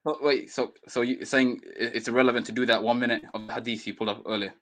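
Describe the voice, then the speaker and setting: A man's voice: medium pitch, steady tone, fast talker, a bit bright. A man calling into a live debate stream from a phone, earnest and a little hesitant, often restarting words. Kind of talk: casual debate chat. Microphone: phone mic.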